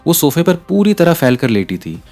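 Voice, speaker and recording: A man narrating a manhwa story in the first person with a lively storytelling delivery. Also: a little high, normal speed. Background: soft music.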